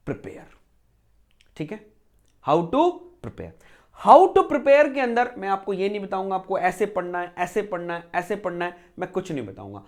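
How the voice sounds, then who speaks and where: A man with a voice that sits high teaches an exam preparation lecture. He poses rhetorical questions to himself and repeats key phrases to drive each point home.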